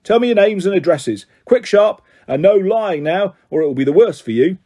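A man voicing a gruff, bullying middle-aged male desk sergeant who talks sternly and loudly. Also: high voice, expressive, moderate pace, pitched above the performer's own voice. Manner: pompous, stern, loud.

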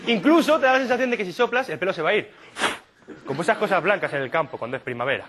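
A man from doing a stand-up comedy monologue, telling absurd stories in a deadpan way and slipping into quick silly impressions. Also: sits high, crowd noise, noisy background. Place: comedy stage before a live audience.

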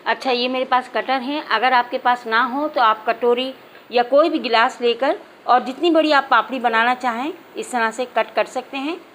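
Woman, high voice, calm instructive cooking host, faint background hiss. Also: moderate pace, poor audio. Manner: addresses viewers as "nazreen" again and again, calm instructive. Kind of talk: step-by-step cooking demonstration. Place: home kitchen.

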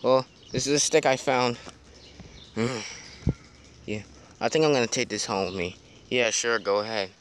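A young man with a middle-pitched voice improvises slangy, playful conversations between plush toys. He talks casually, as in a homemade backyard video. The handheld outdoor recording has clear noise behind the voice. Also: normal speed, long pauses, fairly bright tone. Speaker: puppeteer voicing plush toys. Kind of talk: improvised plush toy play dialogue. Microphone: handheld phone or camera close by.

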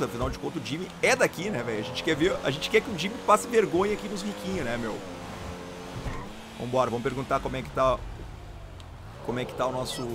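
A young adult man with a Brazilian Portuguese accent, giving casual, jokey game commentary with sudden loud exclamations. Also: medium pitch. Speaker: gameplay commentator. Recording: loud game car noise behind voice.

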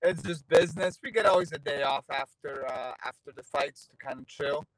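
A Polish man in his thirties, a fighter from Poland, talks in a casual video-call interview from his parked car, holding his phone at arm's length. His voice sits on the high side at a moderate pace, relaxed and full of fillers and restarts. The audio is poor, though there's no room sound.

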